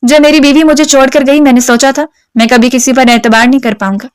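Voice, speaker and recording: A woman voicing a lonely middle-aged male professor who speaks in a soft, earnest, pleading way. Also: high voice, steady tone, clean tone, lightly acted. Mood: tender.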